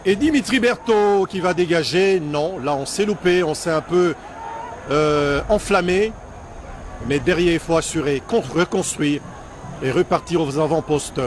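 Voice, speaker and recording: A male football commentator with a high voice delivers the match slowly. He hesitates often between short phrases, with clear noise behind him.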